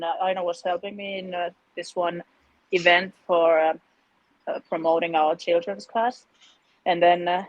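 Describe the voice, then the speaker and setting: A woman from Finland, a guest explaining a competition she founded, halting with fillers and laughing often. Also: fairly low pitch, dry recording, highs cut off. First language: Finnish. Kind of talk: casual interview chat.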